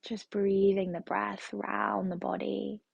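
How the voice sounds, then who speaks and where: A woman leading a yoga class through a slow, soothing guided meditation. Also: medium pitch, level tone, vocal fry, breathy edge, no echo, muffled recording. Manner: slow, soothing, repetitive phrasing. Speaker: yoga teacher.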